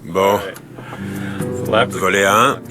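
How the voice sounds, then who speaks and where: A man's voice: low-pitched, very slow, over music. A man playing a pilot in the cockpit, giving terse callouts in a French-dubbed docudrama. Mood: focused.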